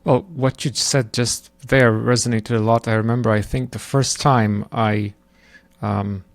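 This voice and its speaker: A man's voice: medium pitch, steady tone, unhurried, gravelly, dry recording. A man co-hosting a podcast, musing aloud with many fillers as he builds up to a question. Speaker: podcast co-host. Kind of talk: conversational interview question.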